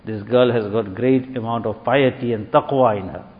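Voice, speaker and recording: A man's voice: medium pitch, steady tone, moderate pace. A man preaching a sermon, retelling a story and acting out its dialogue with rising emphasis. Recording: dull lo-fi recording with long hall reverb.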